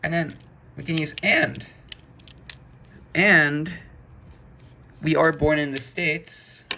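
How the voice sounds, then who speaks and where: A man explains code in a loose, conversational tutoring style, walking through each step and dropping the odd "boom." His voice has a gravelly texture with a bright, forward tone, and a faint hiss of room noise sits under it. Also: steady tone, slow pace. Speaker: programming instructor. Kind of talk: casual screen-recorded coding lesson.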